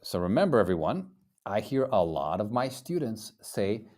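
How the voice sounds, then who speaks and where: In his thirties, a man teaches a live online English lesson in a fairly low, darkish voice with big pitch swings at a moderate pace. Encouraging throughout, he keeps praising students and drills phrases through repetition.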